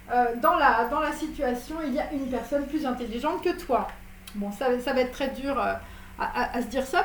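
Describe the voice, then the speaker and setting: A woman with a high voice talks her way through a tarot reading, full of hesitations and restarts. The sound is roomy and echoey, with a faint hiss underneath. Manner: rambling, many fillers and restarts. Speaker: tarot reader. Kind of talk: casual tarot reading monologue. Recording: echoey room with faint noise.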